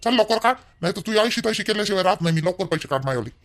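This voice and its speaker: A man playing an angry young son-in-law who demands money, shouting and rough. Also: high-pitched, lively intonation, racing, slight background noise. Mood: demanding.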